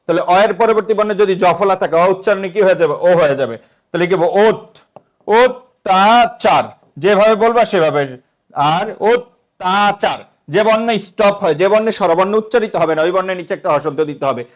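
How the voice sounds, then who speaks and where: High-voiced young man teaching a class. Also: racing. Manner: drills students with questions he answers himself. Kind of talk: online exam-prep lesson.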